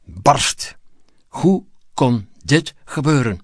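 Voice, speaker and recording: A raging president from a storybook, barking insults at his staff as a male reader puts him on. The voice sits in an ordinary middle pitch and snarls through clenched teeth. The sound is dry and close, with no room around it. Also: animated, unhurried, no room sound, close to an everyday voice. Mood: furious. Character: furious raging male president, bullying and foul-mouthed.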